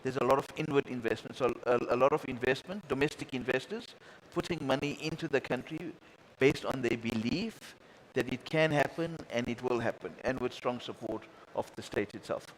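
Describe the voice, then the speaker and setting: A man's voice: medium pitch, normal speed, low-quality recording. A man moderating a panel dialogue, gracious and formal, with frequent stammered restarts. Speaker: moderator, host.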